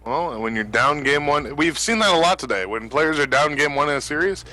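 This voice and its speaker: Bright-voiced male esports caster. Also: a little high, expressive, a little fast, low-quality recording. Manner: analytical, explains strategy at length with frequent fillers. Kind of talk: live game commentary.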